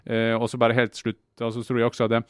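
A man's voice: medium pitch, monotone, clean tone, no echo. Reflective middle-aged man, dry close sound. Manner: reflective, halting with many restarts. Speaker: former national team footballer, podcast guest. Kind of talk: casual podcast chat.

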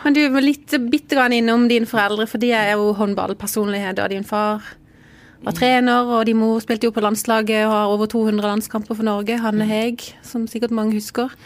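A woman's voice: on the high side, steady tone. A woman co-hosting a podcast, asking questions in a casual way with brief hesitations. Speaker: podcast co-host. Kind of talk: casual interview chat.

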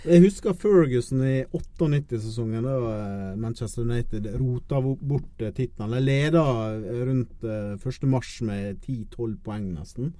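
A man, an editor in a studio talk show, recalling old football seasons in relaxed chat with stammered restarts. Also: medium pitch, hardly any pauses, no room sound.

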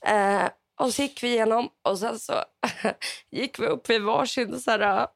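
A woman's voice: fairly high pitch, vocal fry, dry recording, clean studio sound. A woman, co-hosting a casual podcast and telling a personal story through tears. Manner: emotional storytelling, near tears, quotes people with "jag bara". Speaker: podcast co-host.

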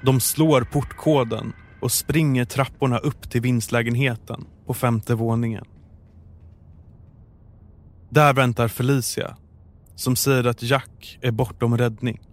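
A man narrating a true crime story in a calm, measured, scripted way. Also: medium pitch.

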